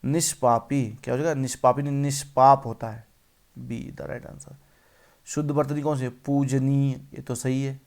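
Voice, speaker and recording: A male tutor works through exam questions on correct spelling. His voice is gravelly and sits at an ordinary mid pitch. He keeps repeating each word and asking the viewer what it should be. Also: fairly even intonation, normal speed, a little mellow. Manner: repeats words and quizzes the viewer. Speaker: teacher. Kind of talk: exam-prep lesson on spelling.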